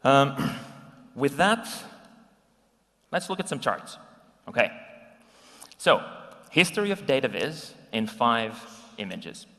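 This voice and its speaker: Speaking slowly in a sing-song, fairly bright mid-range voice, this Finnish conference speaker in his forties pauses often as he presents slides. His conversational talk, full of ums and restarts, was captured live in a conference hall.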